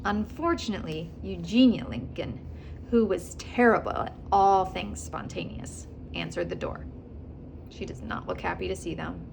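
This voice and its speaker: A woman with a lowish, creaky voice reads a storybook aloud at normal speed over a noisy background. Hosting a children's read-aloud, she's expressive, acts out the characters, and makes asides to the listener.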